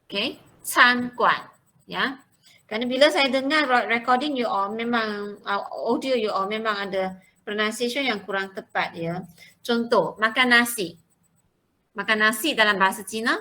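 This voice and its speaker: A woman leads a classroom pronunciation drill. Her voice is bright and forceful, and she repeats each word slowly and clearly. She switches into English now and then. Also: a little high, low-quality recording. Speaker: Mandarin language teacher.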